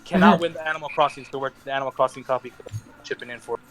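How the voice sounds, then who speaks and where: A young man hosting a casual group podcast, rambling through heartfelt shout-outs with restarts and laughs. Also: mid-range voice, racing, over music. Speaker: podcast host.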